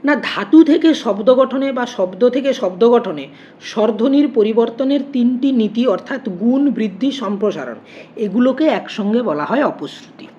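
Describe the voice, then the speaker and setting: A woman's voice: fairly high pitch, expressive, moderate pace, warm tone. A woman teacher explaining grammar step by step, asking questions and answering them herself. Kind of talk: online grammar lesson. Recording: muffled lo-fi recording with faint noise.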